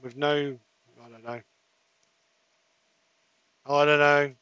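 A man's voice: a little high, level tone, slow pace, sharp tone, clear, resonant tone, dry recording, highs cut off. A man with a Norfolk accent on a headset mic, muttering as the noise suppression chops his voice in and out. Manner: muttering, puzzled over the sound settings. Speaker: woodturning demonstrator. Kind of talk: live-streamed demonstration.

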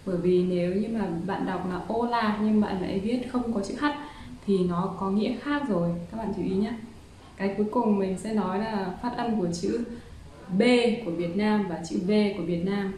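A woman vlogger giving a casual pronunciation lesson, slowly drilling syllables and repeating example words. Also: mid-range voice, warm tone. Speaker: language teacher vlogger. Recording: very echoey room with faint noise.

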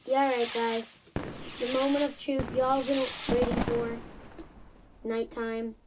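A young woman giving casual game commentary, excitable and jumpy, swinging from nervous mumbles to loud surprised outbursts. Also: a little high, slow pace, heavy background noise. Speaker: gaming channel host.

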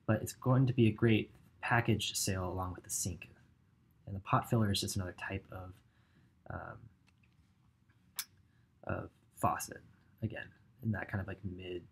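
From a home office desk, a man in his thirties who works as an ecommerce coach gives a casual screen-share tutorial. He thinks aloud as he browses, with frequent ums, in a lowish, slightly rough voice.

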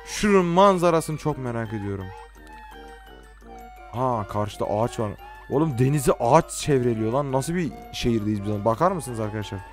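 A teenage man from Turkey giving casual, joking gameplay commentary, talking to game characters and swinging from quiet mutters to sudden shouts. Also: medium pitch, animated, moderate pace, faint music behind. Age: late teens. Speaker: gaming YouTuber.

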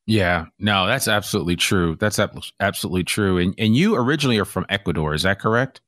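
A man hosts a podcast interview, answering his guest with quick agreement before moving to a question. His voice sits low and the recording is dry. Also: animated, fairly bright tone, no echo. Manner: affirming, brief acknowledgments. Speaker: podcast host.

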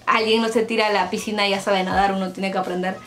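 A woman's voice: medium pitch, level tone, fast talker, fairly bright tone, faint music behind. Chatty young Peruvian woman vlogging. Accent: Peruvian Spanish. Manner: chatty, confiding, joking asides; talks while painting her nails. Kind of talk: casual confessional vlog. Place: at home, in her bedroom.

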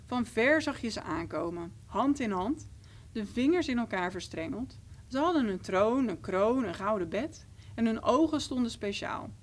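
A woman reading a children's fairy tale aloud in a rhythmic, expressive storybook style. Her voice sits a little high and moves a lot, rising and falling with every step of the story. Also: normal speed.

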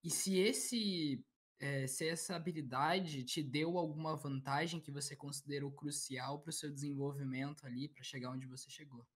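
A man's voice: a little high, fairly even intonation, normal speed, husky. A man hosting a podcast, asking questions in a hesitant, trailing way. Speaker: podcast host. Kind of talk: casual interview chat.

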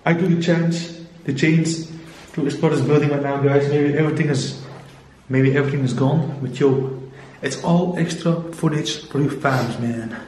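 Casting: young male exploration vlogger, Belgian Dutch accent, soft dark tone, casual and slangy, recorded in echoey empty rooms. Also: on the high side, steady tone, normal speed, a little hiss or hum. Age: young adult. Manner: informal, repetitive exclamations like "guys" and "man". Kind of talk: casual vlog commentary to fans. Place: empty rooms of an abandoned house at night. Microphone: handheld camera at arm's length.

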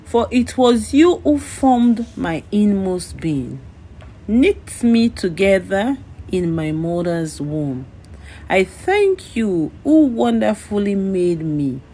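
A woman's voice: mid-range voice, very animated, slow pace, dark tone. A woman reading a psalm aloud as a liturgical scripture reader.

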